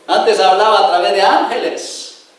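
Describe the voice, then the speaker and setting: A man's voice: high-pitched, fairly even intonation, normal speed, heavy reverb, recorded from a distance, low-quality recording. A man preaching a sermon as pastor, telling stories animatedly, acting out voices and putting direct questions to the congregation.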